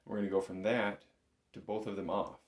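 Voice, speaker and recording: In an echoing room, a man teaches bagpipes one step at a time, keeping things casual, patient, and supportive. He talks fairly quickly in a fairly low, level voice.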